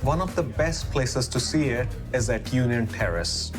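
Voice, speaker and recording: A man's voice: mid-range voice, normal speed. Man narrating a travel show over music.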